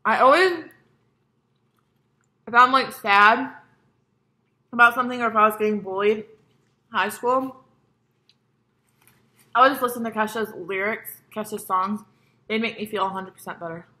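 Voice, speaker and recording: A young woman talks straight to camera at home in a loose, rambling mukbang chat, with a vivid, sharp-edged tone. She swears freely and leans hard on filler words, drifting from topic to topic. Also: medium pitch, normal speed, long pauses. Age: young adult. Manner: rambling, profane, frequent "like". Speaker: vlogger.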